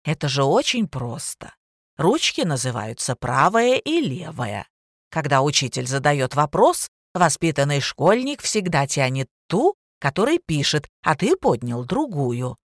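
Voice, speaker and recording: A woman reading an audiobook, voicing an excitable elderly female literature teacher who lectures in a prim, gushing way. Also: low-pitched, measured pace, no room sound, studio quality, exaggerated voice. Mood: lecturing. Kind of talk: audiobook character voice.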